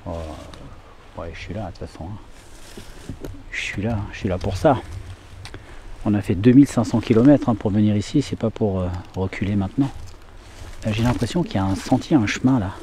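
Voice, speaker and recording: A man doing a casual paranormal vlog outdoors in a forest at night, talking hesitantly with frequent filler pauses. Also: fairly low pitch, dark tone, a little hiss or hum. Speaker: paranormal investigator vlogger.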